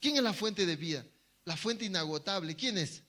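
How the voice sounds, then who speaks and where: A man's voice: sits high, animated, moderate pace, sharp tone. A man preaching a sermon to his congregation, asking them questions and answering them himself, sometimes acting out short quoted voices. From Bolivia. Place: church hall.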